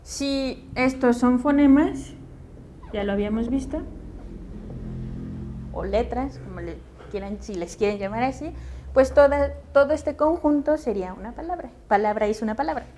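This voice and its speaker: A woman's voice: fairly high pitch, moderate pace, warm tone, a little hiss or hum. A woman teacher with a Mexican Spanish accent lecturing a class in a classroom, patient and checking understanding with questions.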